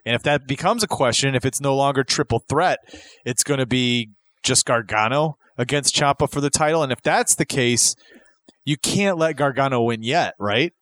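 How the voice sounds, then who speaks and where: A man's voice: mid-range voice, normal speed, a bit bright, no echo. A man co-hosting a podcast, chatting casually about wrestling news and rambling with fillers. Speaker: podcast co-host.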